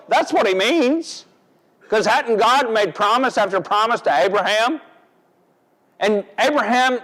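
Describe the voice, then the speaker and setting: A man preaching a sermon in a church, deliberate and emphatic, asking his listeners questions. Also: sits high, a bit bright. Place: church sanctuary. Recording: long reverb of a church hall.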